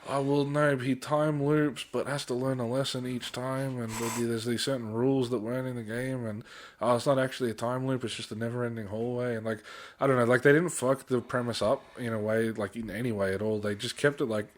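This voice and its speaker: Talking fairly quickly and with fairly even intonation, a medium-pitched man with an Australian accent co-hosts a podcast about pop culture. The conversation is casual and blokey, peppered with mild swearing.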